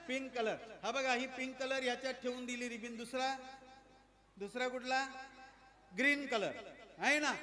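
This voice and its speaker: Brief: male children's magician, high bright voice, playful audience patter. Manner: playful, coaxing, asks the crowd questions. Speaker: stage magician performing for children. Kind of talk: lively stage patter with audience.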